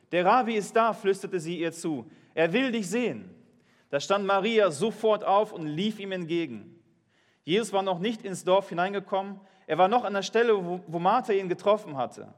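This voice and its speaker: A man's voice: sits high, in a large hall. A man preaching a sermon, reading Bible verses and putting earnest questions to his congregation. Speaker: pastor.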